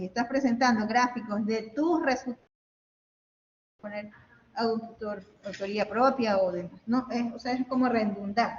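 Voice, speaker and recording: A woman lecturer giving an online class, explaining step by step and checking in with her students, her voice carrying a hall-like echo. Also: a little high. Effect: echoing, hall-like reverb. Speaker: university lecturer. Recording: echoey, dull audio with faint hiss.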